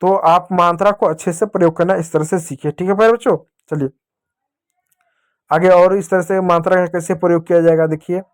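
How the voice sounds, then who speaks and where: Male teacher, patient, spells words out for kids, clear, slightly high voice. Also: steady tone. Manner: patient, repeats words slowly and calls the kids dear children. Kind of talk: children's reading lesson.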